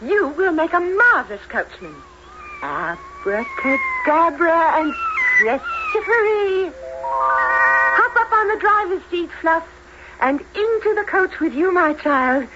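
A woman's voice: very high-pitched, huge pitch swings, slow pace, full character voice. An actress playing a kindly, absent-minded fairy godmother in a children's fairy-tale drama, speaking with the grand flourish of a stage magician. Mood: grand, theatrical. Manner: theatrical magician, grandly incanting and exclaiming. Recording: dull lo-fi recording with faint noise.

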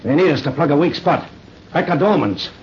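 A man's voice: on the high side, animated, fairly quick, close to an everyday voice. An actor playing a slangy, emphatic army captain who looks after his comrade in a radio war drama. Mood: brisk, concerned. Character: army captain, gruff but fatherly, anxious comrade. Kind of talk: old-time radio war drama acting. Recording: muffled vintage radio recording, faint noise.

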